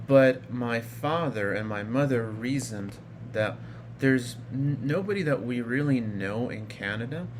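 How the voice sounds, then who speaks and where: With background noise in the recording, this Iraqi vlogger in his thirties speaks at a medium pitch. He rambles casually through his personal story, using lots of fillers and restarting often.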